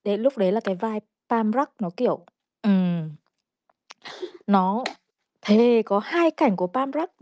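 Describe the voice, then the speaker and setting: A woman's voice: on the high side, dark tone, no room sound, clean studio sound. A woman, chatting casually in a crude, self-mocking, rambling way full of restarts. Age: 30s. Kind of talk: casual chat.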